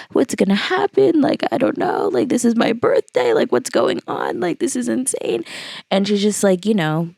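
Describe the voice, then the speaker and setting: A young woman in her late twenties from the Los Angeles area tells a story in a casual vlog. Her voice sits low with a gravelly edge, and the close recording is dry. She talks loosely, with plenty of fillers and acted-out bits of dialogue. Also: no room sound. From Los Angeles area, California. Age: late 20s. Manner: casual, filler-heavy retelling with quoted dialogue. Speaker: vlogger.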